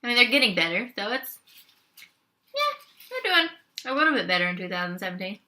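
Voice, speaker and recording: A woman's voice: mid-range voice, big pitch swings, a little fast, bright, forceful tone. A young adult woman talking casually at home while eating for her vlog, chatting between bites with her mouth full. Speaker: vlogger. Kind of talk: casual mukbang eating chat.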